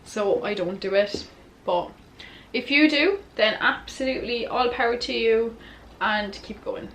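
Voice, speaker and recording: A woman's voice: on the high side, unhurried, fairly bright tone, rough recording. A young woman answering follower questions in a casual, candid, giggly and tipsy chat. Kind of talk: casual chatty Q&A to camera.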